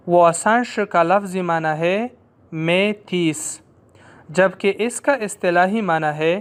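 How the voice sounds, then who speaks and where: Slow, deliberate Urdu-accented male teacher. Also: high-pitched, clear, resonant tone. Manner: slow, deliberate, repeats phrases for drilling. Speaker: language teacher. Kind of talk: recorded lesson explanation.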